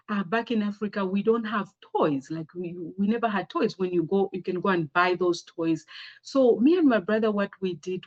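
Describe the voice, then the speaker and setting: This woman has a mid-range voice and a Zambian accent, and the audio is dull. She tells girls about her career in a relaxed slide talk, chatting easily and frequently throwing rhetorical questions at her listeners.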